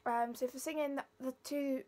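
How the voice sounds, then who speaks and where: Young woman with a flat Leicester accent. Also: high voice, moderate pace. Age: young adult. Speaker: singing student demonstrating vocal warm-ups. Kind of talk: informal explainer to camera.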